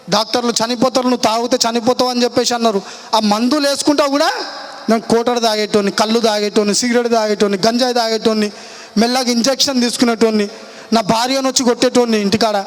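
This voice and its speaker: High-voiced young man giving a passionate testimony. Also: fairly even intonation, a little fast. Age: young adult. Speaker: testimony speaker at church meeting. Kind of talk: emotional personal testimony.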